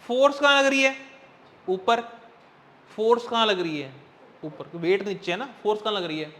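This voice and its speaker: Male teacher, bright high voice, keeps firing questions at the class in a classroom with faint noise behind. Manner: quizzes students constantly, coaxing and brisk. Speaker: physics teacher. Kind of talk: classroom lecture.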